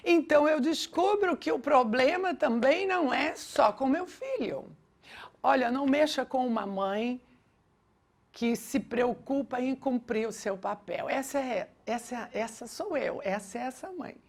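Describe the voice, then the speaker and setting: High-voiced and expressive, she takes her time as she leads a religious education lesson. This middle-aged Brazilian Portuguese speaker tells personal stories with emphasis and performs the dialogue she recounts.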